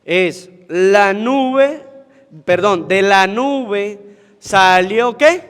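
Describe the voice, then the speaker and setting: A priest preaches at Mass in a high, carrying voice. He keeps asking the congregation questions and answering them himself. The long reverb of the church rings behind him. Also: expressive, drawn-out words, a bit bright, clean tone. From Venezuela. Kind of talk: sermon at Mass.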